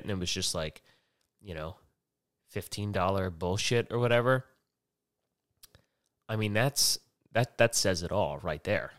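A man's voice: low voice, dry recording, clean studio sound. A man hosting a casual solo podcast, rambling and swearing freely, wearing headphones at a podcast mic. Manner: profane, rambling, self-mocking. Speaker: podcast host.

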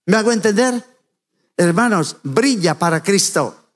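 High-voiced man preaching with jokes. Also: animated, unhurried. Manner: jokey, chatty, addresses congregation directly. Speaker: church speaker. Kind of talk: humorous sermon. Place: church sanctuary.

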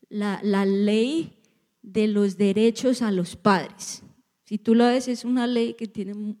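A woman pastor giving a sermon in a church, lively, with joking asides to the congregation. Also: medium pitch, in a large hall.

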